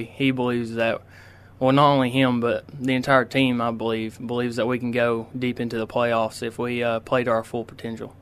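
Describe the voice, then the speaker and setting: A teenage boy answers a radio interviewer, polite and hesitant, pausing often on ums and uhs. His voice is smooth and clear but stays flat, with little rise or fall. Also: mid-range voice. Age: teens. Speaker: high school quarterback guest. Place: radio studio.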